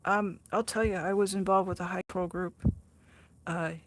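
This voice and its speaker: A woman in her sixties with a lowish voice and fairly even intonation chats casually on an art livestream at a moderate pace, with slight background noise. She reads and answers viewer comments, laughs often, teases herself, and frequently restarts her sentences.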